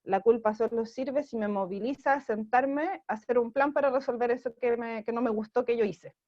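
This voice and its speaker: A woman's voice: fairly high pitch, moderate pace, muffled recording. A woman with a Chilean accent, a parenting program director, giving parenting advice in an interview, explaining with many fillers and checking in with "¿sí?".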